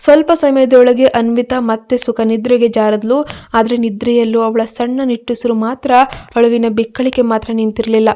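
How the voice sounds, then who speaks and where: A woman narrating a dramatic story in a steady, earnest reading. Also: fairly high pitch, moderate pace, muffled recording.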